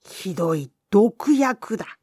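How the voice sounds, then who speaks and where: A woman voicing a stingy old Buddhist priest who scolds and shouts at his boy. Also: medium pitch, sing-song, slow, husky, dry recording, studio quality, heavily acted. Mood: stern warning.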